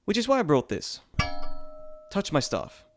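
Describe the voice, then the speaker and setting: A man's voice: high-pitched, huge pitch swings, measured pace, background noise, full character voice. A man playing Hermes, a playful, rambling messenger god, in a chatty, theatrical, teasing way for an audio roleplay. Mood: coaxing, amused. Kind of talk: scripted audio roleplay addressed to the listener.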